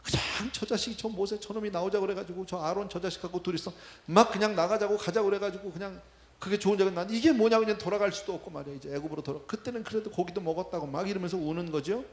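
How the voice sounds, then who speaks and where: A man's voice: high-pitched, fast, echoey room, voice pushed up. A man voicing a fed-up adult man from the wilderness who complains in a rising whine. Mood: whining.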